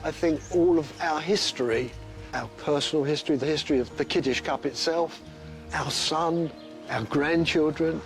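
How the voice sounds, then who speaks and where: A man's voice: fairly high pitch, normal speed, soft background music. An older man from England, a guest talking in effusive, repetitive delight about a repaired family heirloom. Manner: effusive, repeats his delight. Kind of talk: emotional casual chat.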